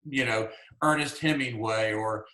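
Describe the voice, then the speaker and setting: A Southern-accented man leads a workshop for writers over a video call, talking in a relaxed, folksy way with plenty of asides. His voice sits at an ordinary middle pitch, and the sound carries a noticeable room echo. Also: a little slow. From Georgia, US. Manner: folksy and conversational, many "you know"s. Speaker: workshop presenter. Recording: roomy echo.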